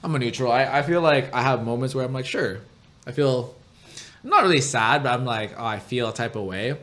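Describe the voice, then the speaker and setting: A young man co-hosting a casual podcast, his voice sitting at an ordinary middle pitch. He talks in a loose, rambling way, full of fillers, and breaks into laughter often. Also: animated, fairly quick, fairly bright tone. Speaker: podcast co-host. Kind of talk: casual chat.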